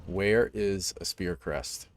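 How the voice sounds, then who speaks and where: A man's voice: low voice, takes it slowly, a little hiss or hum. A young man streaming a survival game, chatting casually and rambling through a funny work story with lots of "dude" and "man". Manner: laid-back, rambling, peppered with dude and man. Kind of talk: casual gaming chat and storytelling.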